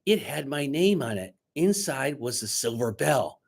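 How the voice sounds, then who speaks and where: A man reading a picture book aloud dramatically to children, pausing to coax them with questions like a teacher. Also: mid-range voice, sing-song, vocal fry. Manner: dramatic, teacherly, coaxing young listeners with questions.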